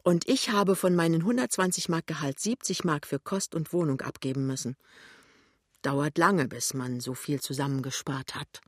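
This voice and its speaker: A woman's voice: deep voice, moderate pace, breathy edge, no echo, studio quality. A woman reader voicing a shy young clerk and husband, talking hesitantly in an audiobook. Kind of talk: audiobook reading.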